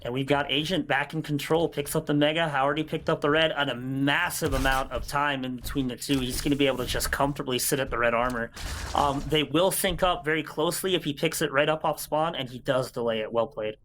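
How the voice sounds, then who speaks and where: A man doing live esports play-by-play commentary, mixing punchy, excitable calls with analysis. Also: mid-range voice, brisk, slight background noise.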